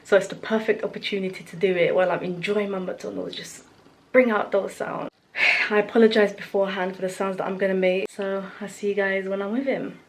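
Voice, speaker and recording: A woman's voice: mid-range voice, little pitch movement, fairly quick. Giggly young woman vlogging. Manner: giggly, playful. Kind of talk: casual car vlog chat. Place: parked car.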